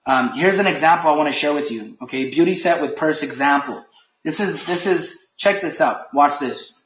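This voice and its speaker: A company leader presents a webinar briefing in a slightly high, somewhat bright voice at normal speed. He speaks firmly and emphatically, a little heated. The audio is echoey, dull, and lo-fi.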